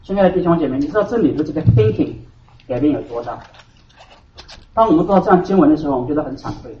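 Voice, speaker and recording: A man preaching a sermon to his congregation as their pastor. He hammers key words loudly, then drops to hushed asides. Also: fairly high pitch, animated, very fast, slight background noise. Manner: emphatic preaching, swinging between loud stresses and hushed asides. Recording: roomy hall from a distant, dull mic.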